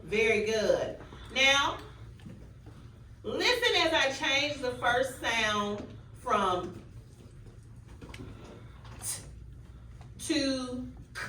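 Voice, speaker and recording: A woman elementary school teacher leading a phonics lesson in a classroom with quiet, calm authority, firm and instructive. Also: high voice, drawn-out words, pauses often. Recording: distant mic, echoey room, faint noise.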